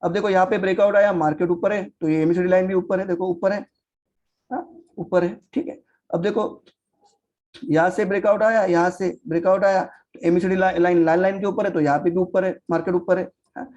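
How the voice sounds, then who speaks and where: A high-voiced man talks traders through indicators in a casual, scolding lesson. His tone is mellow rather than bright, and he speaks bluntly. The recording sounds slightly dull and lo-fi. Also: steady tone, fairly quick. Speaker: stock market trainer. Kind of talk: casual market analysis lesson.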